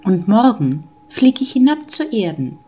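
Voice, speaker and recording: A woman voicing the Christ Child in a recited Christmas poem, high and urging. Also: sing-song, a little slow, warm tone, husky, dull audio. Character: the Christ Child, small, bright and eager.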